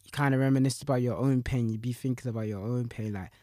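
A young man with a London roadman accent speaks in a medium-pitched voice with very little room sound. His talk is casual and full of street slang, looping back over phrases as he goes. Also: fairly even intonation, quick pace, dark tone, no room sound, studio quality. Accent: London roadman, Multicultural London English. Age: young adult. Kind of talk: casual conversation about music.

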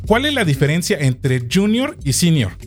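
A man's voice: fairly high pitch, sing-song, moderate pace, faint music behind. A man hosting a casual chat, reading a job posting aloud and adding jokes. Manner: reads aloud, then jokes.

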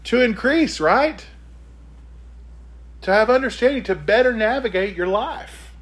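A male preacher delivers a sermon with a high voice that leaps up and down. He leans hard on key words and keeps asking the congregation rhetorical questions. His reading of scripture flows straight into plain exhortation. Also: expressive, a little slow, a bit bright.

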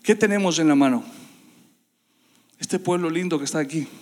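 A man preaching a sermon to his congregation, impassioned and building to loud, repeated emphasis. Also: a little high, normal speed. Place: church hall. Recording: long reverb of a church hall.

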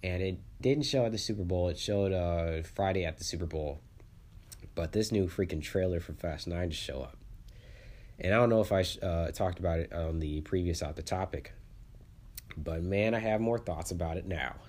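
A man with a low voice hosts a casual solo movie podcast. He sounds congested and sniffly from the flu. His delivery rambles, with stammered restarts and repeated words. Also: moderate pace, darkish tone.

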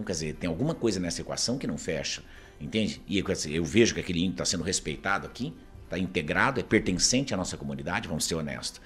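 A man's voice: low-pitched, fairly bright tone. A Brazilian man with a Paraná accent, an interview guest arguing his views emphatically and often asking rhetorical questions. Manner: emphatic, argumentative, keeps asking rhetorical "isn't it true?". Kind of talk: opinionated conversational commentary.

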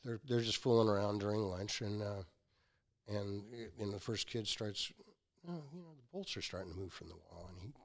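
This sixties-aged company founder speaks on the low side at a fairly quick clip. As a guest he spins casual anecdotes, animatedly performing the quoted lines himself.

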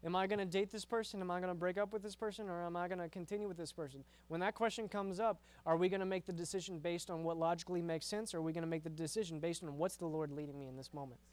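A man's voice: high-pitched, steady tone, rapid-fire, hardly any pauses, darkish tone. A man preaching to a youth group in a casual, conversational way, often repeating words and checking in with "right?". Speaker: youth pastor.

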